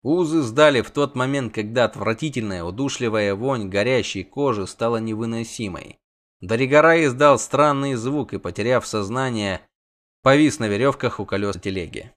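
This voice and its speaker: A man narrates a fantasy audiobook at a medium pitch. He keeps an even, steady storytelling pace. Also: moderate pace. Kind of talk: scripted narration.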